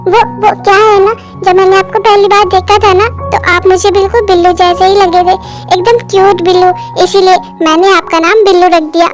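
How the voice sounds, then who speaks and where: A woman's voice: very high-pitched, flat delivery, brisk, over music. A woman voicing a grown woman in a clingy, childlike little space, whining and stammering in an amateur fan dub. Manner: whiny, stammering childlike pleading.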